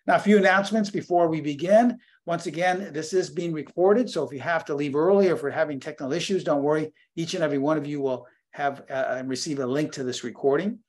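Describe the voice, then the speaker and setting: A man's voice: on the high side, fast, hardly any pauses, a little mellow. A man in his sixties giving an online webinar presentation as a trading educator, talking conversationally and repeating phrases for emphasis. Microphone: computer microphone on a video call.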